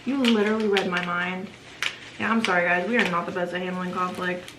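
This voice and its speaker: A woman's voice: fairly low pitch, level tone, brisk. Chatty young woman in an echoey room. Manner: chatty, says "like" a lot. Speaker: vlogger and host. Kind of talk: casual Q&A chat while eating. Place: home room. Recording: echoey home room with noise.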